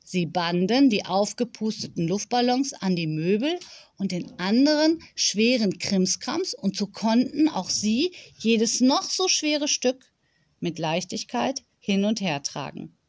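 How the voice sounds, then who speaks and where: A woman narrating a children's storybook in a lively way, giving each character a voice. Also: mid-range voice, a little slow, dry recording. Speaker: audiobook reader.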